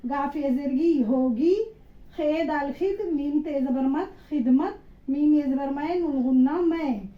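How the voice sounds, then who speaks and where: A woman's voice: sits high, reverberant, dull audio. A woman teaching an Urdu spelling lesson, patiently sounding out each letter and syllable.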